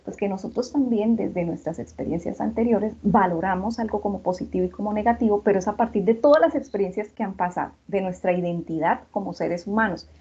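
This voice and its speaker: Lecturer, Colombian woman with a Santander accent, mellow voice, teaching in a patient explanatory tone over a dull video call. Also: mid-range voice, brisk, few pauses, husky. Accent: Santander Colombian Spanish. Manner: explanatory, asks rhetorical questions. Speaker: university lecturer. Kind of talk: online class lecture.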